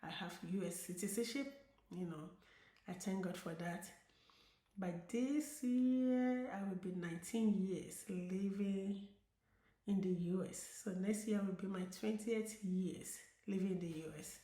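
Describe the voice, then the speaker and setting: Speaking unhurriedly at medium pitch with a dark tone, a middle-aged diabetes educator with a Nigerian accent addresses viewers in relaxed vlog fashion. She's earnest and encouraging, leans on repeated key words, and the room echoes noticeably.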